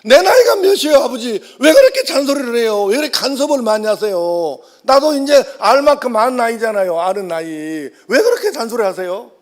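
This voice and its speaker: A man's voice: very high voice, sing-song, brisk, hardly any pauses, pitched above the performer's own voice. A man voicing a petulant grown younger son, pleading and exasperated as he demands his inheritance. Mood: whiny.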